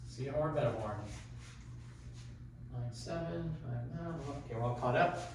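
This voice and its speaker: A man giving a casual, unscripted demonstration as host, talking in a halting way as he thinks aloud. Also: medium pitch. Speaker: craps tutorial host. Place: echoey indoor room. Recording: echoey room, distant mic, faint noise.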